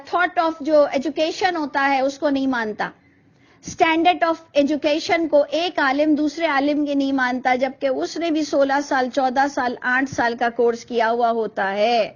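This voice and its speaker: A woman's voice: high voice, highs cut off. A woman teaching an online Quran commentary class, speaking earnestly, asking rhetorical questions and mixing in English words. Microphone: video call.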